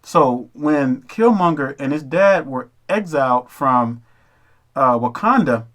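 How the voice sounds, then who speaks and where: A man's voice: mid-range voice, expressive, takes it slowly, a bit bright. A man giving casual, preachy commentary on a film, addressing his listeners as brothers and sisters. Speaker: religious commentator.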